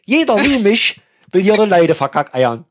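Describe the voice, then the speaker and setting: A man voicing a suspicious, bossy middle-aged Saxon official with a Saxon accent, ranting loudly. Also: sits high, sing-song, moderate pace, pitched above the performer's own voice, full character voice. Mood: indignant. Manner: loud, indignant ranting.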